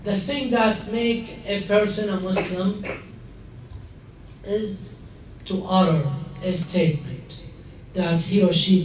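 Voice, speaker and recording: A man, an imam giving a measured, emphatic talk to a mixed audience at a stand mic. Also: a little high, darkish tone, slight background noise. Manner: measured, emphatic, gesturing while speaking. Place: large hall indoors. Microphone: stand mic at a lectern. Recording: echoey hall, from a distance.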